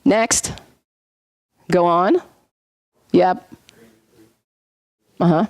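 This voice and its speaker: A woman teaching a music class in a lively way, often questioning her students and singing examples. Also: fairly low pitch, very slow, no room sound. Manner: lively, sings solfege and vocal sound effects to demonstrate; asks the class frequent questions. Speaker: music instructor. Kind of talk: classroom lecture.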